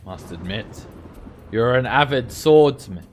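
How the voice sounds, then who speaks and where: A man voicing a courtly undead sorcerer villain in a tabletop game, with a formal, drawn-out, menacing delivery. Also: medium pitch, animated, faint music behind, voice pushed up, close to an everyday voice.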